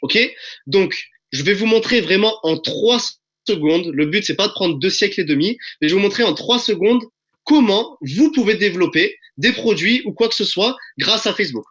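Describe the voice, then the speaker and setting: A man delivers a hyped sales pitch over a video call from his home, pressing his listeners and calling them friends. His voice sits high and sounds bright and forceful. The call audio is dull and lo-fi. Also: animated, normal speed. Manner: enthusiastic and pushy, addresses audience as friends. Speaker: presenter of a recruiting webinar.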